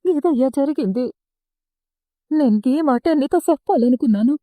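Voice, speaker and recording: A woman's voice: high voice, lively intonation, normal speed, warm tone, no echo, studio quality. A woman voicing an earnest Telangana village mother. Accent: Telangana Telugu. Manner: urgent, pleading storytelling. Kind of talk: serial recap voice acting.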